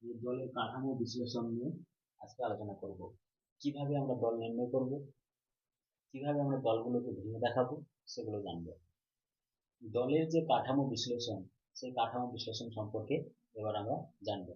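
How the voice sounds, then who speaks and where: Guy teaching grammar, keeps asking then answering, stretches syllables, roomy dull sound. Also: medium pitch. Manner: repetitive question-and-answer teaching, drawn-out syllables. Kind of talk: online grammar lesson. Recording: roomy, slightly dull recording.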